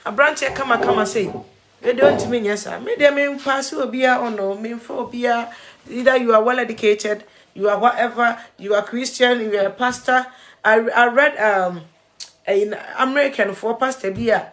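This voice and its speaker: A woman's voice: fairly high pitch, a bit bright. Tearful Ghanaian woman vlogger. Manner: earnest, mixes English and Twi, halting repeats. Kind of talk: emotional video commentary.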